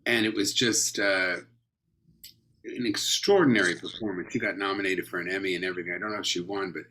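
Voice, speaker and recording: A man's voice: sits low, a bit bright. A man from Los Angeles, an actor guest in a casual interview, telling rambling, anecdotal stories full of tangents. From Los Angeles, California.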